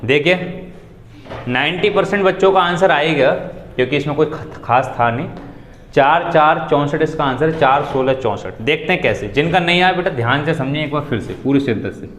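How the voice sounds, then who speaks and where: A man's voice: on the high side, brisk, a bit bright, roomy sound, a little hiss or hum. A man teaching a live maths class, patiently walking students through each step and repeating key points. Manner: patient, calls students 'beta', repeats steps.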